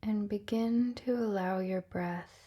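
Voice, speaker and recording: A woman guides a relaxation meditation at medium pitch. Her voice is soft and breathy, often close to a whisper, gentle and soothing, with long pauses.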